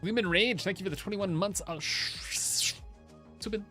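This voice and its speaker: A man's voice: high voice, normal speed, pushed and bright, soft background music. A young man livestreaming over a headset mic, thinking aloud in a casual, chatty way while he builds in a game.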